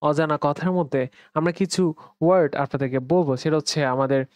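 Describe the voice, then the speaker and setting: A man's voice: on the high side, a little mellow, smooth, no echo. Man teaching English pronunciation, dry sound. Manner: drills pronunciation, repeating letters slowly; mixes English words into explanations, asks and answers own questions. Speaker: English grammar instructor. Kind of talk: classroom lecture.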